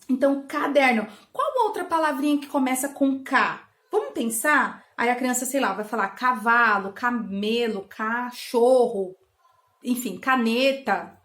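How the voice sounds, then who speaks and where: Female host in her thirties from Brazil, high voice, coaxing and playful, recorded in an echoey bedroom at home. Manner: warm, coaxing, acts out playful dialogue with a child. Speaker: channel host giving parenting tips. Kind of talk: casual home teaching talk.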